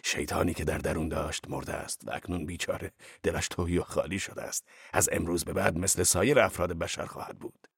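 A boisterous, earthy old rogue in a storybook drama, played by a man, his deep, gravelly and husky voice full of teasing swings. The sound is dry and close. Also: steady tone, hardly any pauses, a bit bright, no echo, heavily acted. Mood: reassuring, hearty. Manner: gruff, teasing, laughing. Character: boisterous, earthy older man, gruff and mocking. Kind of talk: audiobook drama acting.

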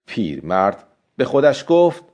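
A man narrating a story as a scripted audiobook, in a calm, steady way. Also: mid-range voice, lo-fi sound.

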